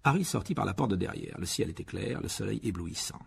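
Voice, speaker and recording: A man reading a children's novel aloud as an expressive audiobook narration. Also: fairly low pitch, quick pace, gravelly, a little hiss or hum. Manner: expressive storytelling.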